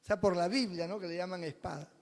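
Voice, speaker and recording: A man, a pastor preaching a sermon as a personal testimony, telling it dramatically and swinging between loud passages and hushed ones. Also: sits high, steady tone, fast talker. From Peru. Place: church sanctuary. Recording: long reverb of a church hall.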